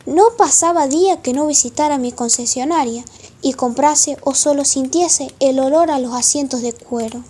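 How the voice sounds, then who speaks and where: A woman's voice: high voice, normal speed, mellow, lightly acted. A woman playing a proud, defensive Italian male business owner in a formal, wordy radio play style. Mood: guarded, formal. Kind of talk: amateur radio play acting.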